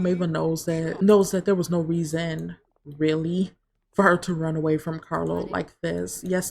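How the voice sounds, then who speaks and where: A woman's voice: on the low side, creaky, a little mellow. Chatty woman narrating a sims game. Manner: chatty, storytelling, says "like" a lot. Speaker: let's play host. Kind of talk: casual game commentary.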